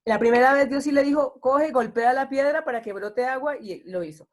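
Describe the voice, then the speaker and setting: A woman's voice: sits high, brisk. A woman pastor preaching an online sermon in a conversational way, acting out the complaints of the people she quotes.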